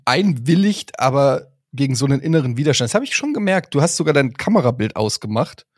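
Husky, playful podcast co-host man. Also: medium pitch, big pitch swings, fast, dry recording, clean studio sound. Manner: playful, self-mocking, drifts into jokes. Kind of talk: casual chat.

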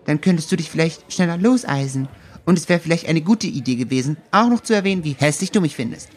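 A man's voice: on the high side, expressive, fast, pitched above the performer's own voice. A man voicing a clever teenage girl who explains things patiently and a little condescendingly, in an amateur read-aloud of a book scene. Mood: patient lecturing.

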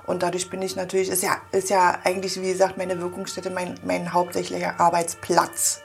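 A woman's voice: on the low side, monotone, brisk, vocal fry, soft background music. A woman in her forties from Berlin, chatting in an interview in a small office and rambling with many fillers. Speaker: guest. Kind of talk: casual interview chat.

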